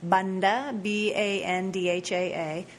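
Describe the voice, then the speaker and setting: A woman yoga teacher giving a recorded lesson, repeating and spelling out terms slowly with casual asides. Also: mid-range voice, fairly even intonation, slight background noise.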